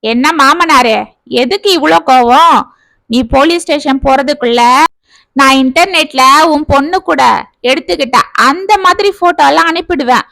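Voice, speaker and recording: A woman voicing a young man, a rough-voiced blackmailer who talks in a mocking, taunting way. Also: high-pitched, moderate pace, a bit bright, dry recording.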